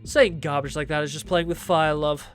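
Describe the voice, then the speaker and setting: A man's voice: fairly high pitch, fairly even intonation, normal speed, soft background music, voice pushed down, close to an everyday voice. A man voicing a taunting evil father and mastermind in a dramatic story, with a theatrical villain drawl. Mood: smug menace.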